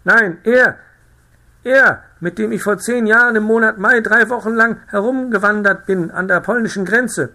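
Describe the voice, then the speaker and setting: Ein Mann spricht einen aufgeregten, laut schreienden Ausrufer einer Kleinstadt in einer Hörbuchlesung. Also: male voice, normal speed, full character voice. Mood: agitated. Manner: shrill, agitated yelling. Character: frantic shouting male town crier.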